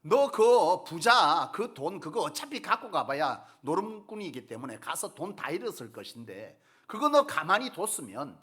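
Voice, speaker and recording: A man preaching a sermon, voicing the Lord as a stern male figure who scolds a gatekeeper slowly in a husky voice. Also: on the high side, big pitch swings, a bit bright, exaggerated voice. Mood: stern rebuke.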